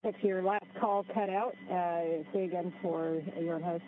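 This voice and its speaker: An astronaut's voice reaches the ground over a breaking-up space radio link, squeezed thin and tinny like a phone line. The delivery is clipped and procedural, all readbacks and call signs, at a mid pitch. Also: fairly even intonation, measured pace. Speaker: astronaut crew member calling from spacecraft. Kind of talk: terse radio exchange with mission control. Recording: tinny crackling radio downlink.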